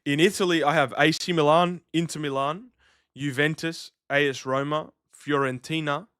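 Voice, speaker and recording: A man's voice: fairly high pitch, fairly even intonation, moderate pace, fairly bright tone, clean tone, dry recording, studio quality. Chatty man live-streaming a football match. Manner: chatty, loose, reacting to chat and soundboard clips. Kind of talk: casual live-stream chat and match commentary.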